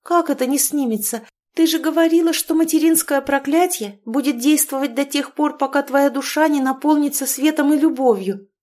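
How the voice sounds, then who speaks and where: A woman's voice: high-pitched, moderate pace, a little mellow, voice pushed up, close to an everyday voice. A woman voicing an eager, emotional young mother who insists and pleads with her grandmother, read from a storybook. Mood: insistent. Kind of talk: storybook reading.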